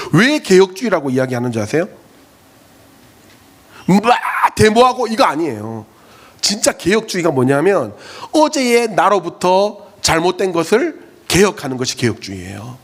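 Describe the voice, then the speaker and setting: Middle-aged male youth pastor, animated storytelling sermon, pitch set a bit high and swinging widely. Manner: animated, storytelling, jokes and acts out scenes.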